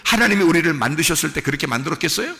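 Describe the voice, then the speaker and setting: A man preaching in a church with a high, bright, gravelly voice that leaps across a wide pitch range. He drops to low murmurs, then climbs to shouted peaks, and acts out his listeners' inner voices. A long reverb from the church hall trails behind every line. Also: expressive, rapid-fire, background noise. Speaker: pastor. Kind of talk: sermon. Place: church sanctuary.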